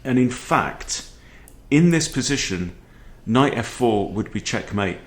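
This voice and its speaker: Speaking slowly in an expressive, medium-pitched voice, a man in his forties hosts a chess video indoors in a book-lined room at home. His commentary on the game is conversational, punctuated by brief check-in questions.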